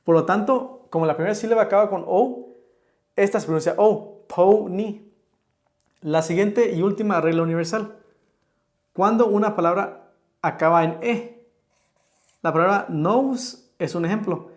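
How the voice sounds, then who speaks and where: A man's voice: sits high, normal speed, long pauses. A man teaching an online English pronunciation lesson, patiently explaining rules step by step with examples.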